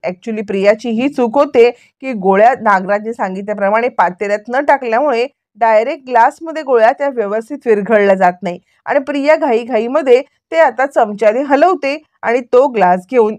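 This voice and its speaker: A woman's voice: on the high side, brisk, few pauses, dry recording. Woman narrating a serial recap. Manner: lively, running narration. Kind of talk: storytelling recap.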